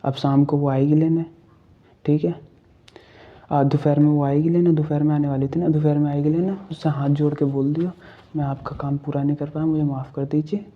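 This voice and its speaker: A man's voice: a little high, level tone, fairly quick, phone-quality sound, lightly acted. Man playing an old tailor father. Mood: advising. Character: worried old male master tailor, a father.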